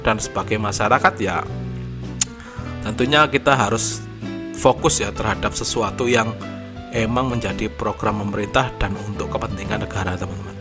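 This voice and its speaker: A man's voice: on the low side, normal speed, music in the background. A man hosting a reaction video, talking casually to viewers and laughing often.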